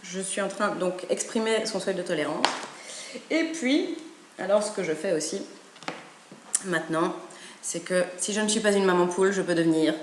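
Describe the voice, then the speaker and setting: Animated woman in an echoey room. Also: on the low side, slight background noise. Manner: animated, acts out stories. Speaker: parenting educator. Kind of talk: casual spoken advice video.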